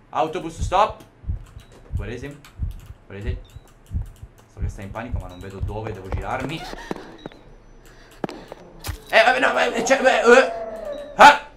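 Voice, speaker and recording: A man's voice: medium pitch, a little hiss or hum. A young man doing a horror game let's play, swearing and jumping between panic and mocking banter. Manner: excitable, swears, swings from panic to mockery. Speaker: gaming YouTuber.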